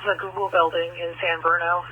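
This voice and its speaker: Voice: mid-range voice, flat delivery, fairly quick, narrow, tinny audio. An emergency dispatcher speaking over a two-way radio in clipped procedural phrases full of codes. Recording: noisy emergency radio channel.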